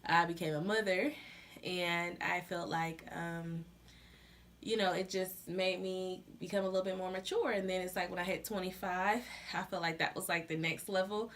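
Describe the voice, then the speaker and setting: A woman's voice: lowish voice, steady tone, normal speed, fairly bright tone. A woman in her twenties from Ohio, chatting earnestly with many fillers in a casual couples Q&A vlog. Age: 20s. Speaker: vlogger.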